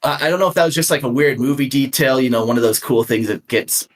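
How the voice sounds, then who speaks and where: A man's voice: medium pitch, fast. A man talking casually as a podcast guest, enthusiastic and rambling. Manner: enthusiastic, rambling hobby talk. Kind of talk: casual chat.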